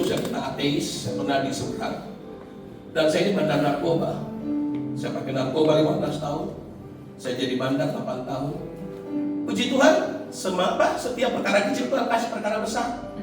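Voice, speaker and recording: A man's voice: a little high, distant mic. A man preaching a sermon as pastor, telling stories animatedly and acting out the voices in them, with an Indonesian accent, in a large church hall with music behind.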